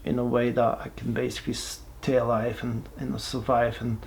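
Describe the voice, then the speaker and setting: A man, giving a halting, reflective personal testimony with many pauses and restarts. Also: medium pitch, little pitch movement, vocal fry, a little hiss or hum. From Bulgaria. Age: 40s. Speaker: person sharing his life story.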